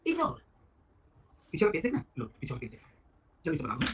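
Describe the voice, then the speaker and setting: A man teaching a live online tax class, talking quickly and calling on students by name. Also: a little high, huge pitch swings, noisy background. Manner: rapid, chatty, addresses students by name. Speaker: GST teacher.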